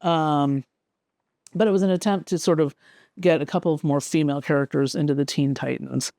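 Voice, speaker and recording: A woman's voice: low-pitched, steady tone, brisk, warm tone, no room sound, clean studio sound. A woman hosting a casual, rambling chat as a comic book collector, flipping through old issues with an amused tone.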